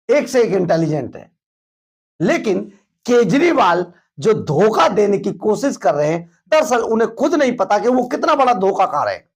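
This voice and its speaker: A male news reporter giving emphatic, opinionated on-the-spot political commentary, with hesitations, in a husky voice. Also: high voice.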